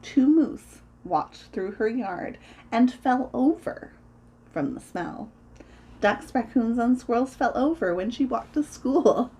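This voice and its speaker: A woman reading a children's story aloud in an expressive, deliberate way, as a storyteller acting out the sound words. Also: a little high.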